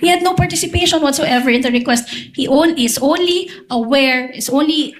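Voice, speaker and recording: High-voiced Filipino woman lawyer objecting. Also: a little fast, slight background noise. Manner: insistent, emphatic, restating points. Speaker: defense lawyer raising objections. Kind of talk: formal legal argument.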